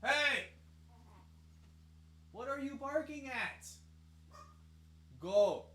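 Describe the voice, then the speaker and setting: A man pausing a music-production tutorial to yell sharp, high commands at his barking dogs, turned away from the mic so his shouts come through quieter. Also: lively intonation, echoey room. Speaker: music producer teaching sound design. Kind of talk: live tutorial answering viewer questions. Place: at home.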